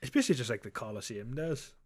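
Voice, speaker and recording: A man's voice: medium pitch, lively intonation, very fast. Swearing man riffing in podcast banter. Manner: crude, swearing, riffs on jokes. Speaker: co-host. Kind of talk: comedic radio-style podcast banter.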